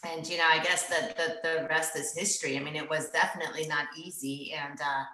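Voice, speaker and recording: A middle-aged woman tells a story from her past in a casual interview, bright-voiced and animated. She laughs often and acts out the people in it. The room is roomy and echoes. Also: low-pitched, a little fast. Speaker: guest.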